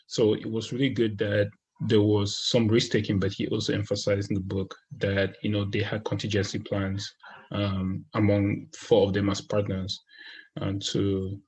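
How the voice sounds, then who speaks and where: A man from Cameroon giving a casual, thoughtful spoken book review, with many pauses and restarts. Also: on the low side, completely flat delivery, darkish tone, slight background noise, rough recording. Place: United States.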